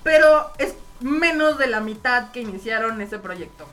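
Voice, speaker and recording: A woman's voice: fairly high pitch, lively intonation, measured pace, a crowd in the background. A woman of thirty, co-hosting a casual group podcast and ranting in exasperation. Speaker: podcast co-host.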